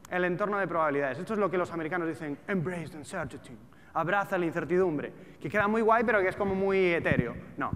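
A high, somewhat bright male voice belongs to a trading educator and trader in his thirties with a European Spanish accent. He gives a relaxed, colloquial talk full of rhetorical questions to people seated in a large auditorium, recorded in an echoey hall with background noise.

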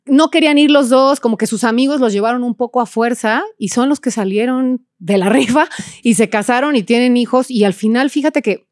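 A woman's voice: fairly high pitch, a little fast, no echo, studio quality. A woman, a matchmaker guest talking casually and encouragingly. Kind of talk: casual conversation.

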